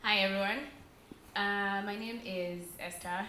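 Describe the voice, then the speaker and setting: A woman's voice: mid-range voice, fairly even intonation, a little slow, sharp tone, slight background noise. A woman with a Kenyan accent speaking on a conference panel, earnest and conversational, often tagging "right?" onto her points. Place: conference room. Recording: echoey conference room with faint ambience.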